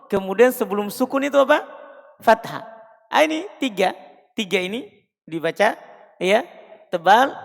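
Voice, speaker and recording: A man's voice: high voice, gravelly, in a large hall. A man with an Indonesian accent interpreting a tajwid lesson, repeating points and quizzing listeners. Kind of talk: translating a lesson.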